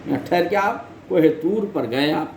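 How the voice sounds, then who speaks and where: A man's voice: high-pitched, expressive, vocal fry. A male teacher reading scripture translation lines and retelling each in plain everyday speech. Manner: reads a line then retells it in plain speech. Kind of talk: Quran translation and explanation lesson. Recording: echoey room with faint noise.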